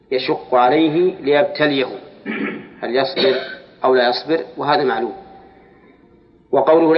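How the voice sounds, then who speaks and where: Male religious teacher, lecture style, stretches words to quiz his class, muffled hall recording with a lingering echo. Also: medium pitch. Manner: questions students, drawls words for emphasis. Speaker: Islamic scholar teaching Quran exegesis. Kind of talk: classroom lecture on Quranic grammar.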